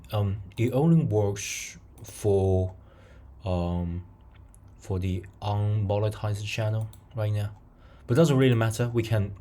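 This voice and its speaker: Hosting a laid-back coding tutorial, this non-native English-speaking man has a fairly low pitch and a dark tone. He stumbles through his speech with many fillers and restarts, chuckling often.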